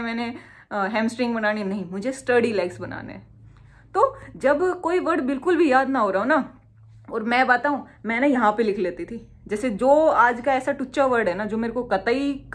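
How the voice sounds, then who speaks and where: Young woman, casual chatty exam tutor, a bit high-pitched, jokes at her own expense. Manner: chatty, self-mocking, with homely memory tricks. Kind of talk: casual tips to the camera.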